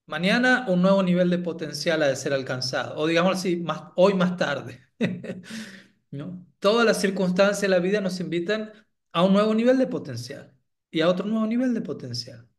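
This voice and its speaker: A man giving a reflective devotional talk as a spiritual teacher, often checking in with his listeners and clearing his throat now and then. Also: sits high, animated, moderate pace. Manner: reflective, asks "¿no?" after points.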